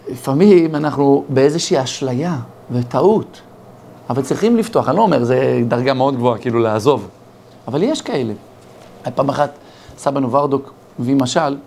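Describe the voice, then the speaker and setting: A man's voice: mid-range voice, slight background noise. A man, a rabbi with an Israeli accent, giving a sermon full of parables and acting out the dialogue in his stories. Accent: Israeli Hebrew. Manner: animated storyteller acting out dialogue.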